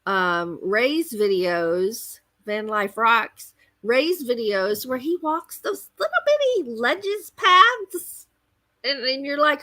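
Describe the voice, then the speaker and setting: A woman talking casually as host of a livestream, telling rambling stories in an expressive way. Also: on the high side, no room sound. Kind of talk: casual chatty livestream monologue.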